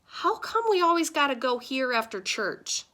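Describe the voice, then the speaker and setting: A woman's voice: high-pitched, very animated, normal speed, bright, forceful tone, voice pushed up, heavily acted. A woman voicing a curious young boy who keeps asking complaining questions. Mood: questioning. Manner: whiny questioning tone.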